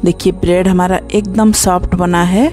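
Mellow-voiced woman explaining a recipe. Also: on the low side, normal speed, soft background music. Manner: calm step-by-step instructional. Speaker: cooking channel host. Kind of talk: recipe voice-over narration.

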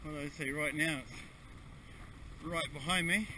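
A man's voice: a little high, measured pace. Man narrating from a windy kayak. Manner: relaxed, matter-of-fact, talking to himself while pedalling. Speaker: kayaker filming his own trip. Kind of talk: casual running commentary. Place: outdoors on a kayak on a windy harbour. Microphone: action camera mounted on the kayak. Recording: wind-battered action camera audio from a distance. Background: wind and splashing water.

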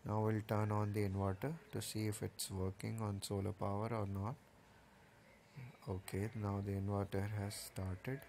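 A man's voice: lowish voice, little pitch movement, normal speed, vocal fry, a little mellow, a little hiss or hum. A man walking through a rooftop solar installation, explaining each part step by step in a plain, casual way, with the odd filler. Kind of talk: casual technical walkthrough.

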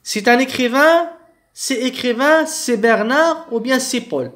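Man, teacher, high voice, slow lines, quick explanations. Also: a bit bright. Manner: reads French lines slowly, explains quickly in Arabic. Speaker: French teacher. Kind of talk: bilingual language lesson.

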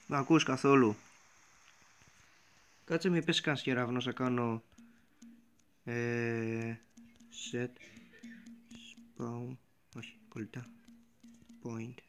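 A young man giving let's-play commentary on a game. He swings between quiet muttering and panicked, sweary yelling. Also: medium pitch, flat delivery, pauses often, soft background music. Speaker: gamer.

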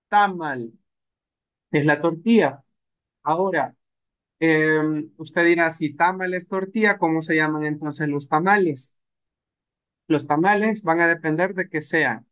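Man teaching a language lesson. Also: fairly high pitch. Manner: explanatory, slows down to spell out words.

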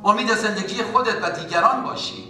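A man preaching a sermon as a pastor, in an impassioned way that rises to loud exhortation. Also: high-pitched, soft background music. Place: church. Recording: echoey church hall from far off.

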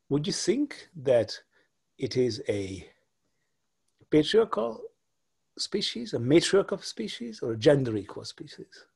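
A Hungarian man in his forties lectures online from a room at home, picked up by his laptop webcam on a video call. His mid-range voice sounds creaky and husky, and he speaks haltingly with lots of fillers and restarts.

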